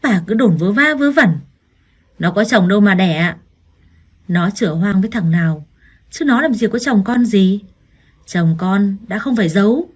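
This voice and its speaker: An insistent village busybody spreading gossip in a storybook reading, put on by a woman narrator. She chatters quickly in a husky, breathy tone. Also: mid-range voice, animated. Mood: gossipy.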